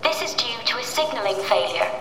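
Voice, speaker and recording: A woman gives a formal scripted station announcement. Her voice is fairly high and bright, echoing through a large hall with music behind her. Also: animated, slight background noise. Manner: formal, measured delivery. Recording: echoey public-address hall, music behind.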